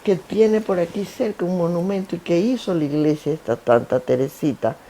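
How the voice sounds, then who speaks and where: This older woman speaks in a lowish voice at a moderate pace, her accent the coastal Spanish of Guayaquil, Ecuador. Interviewed on a theater stage as the founder of a foundation, she tells lively stories about her work, piling up repeated lists in a chatty, anecdotal way.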